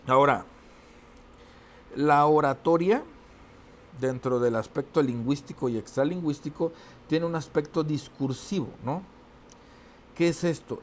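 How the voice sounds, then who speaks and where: A man's voice: mid-range voice, darkish tone, slight background noise. A man giving a spoken lesson, explaining step by step and often checking in with tag questions and restarting phrases. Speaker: teacher. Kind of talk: spoken lecture on oratory.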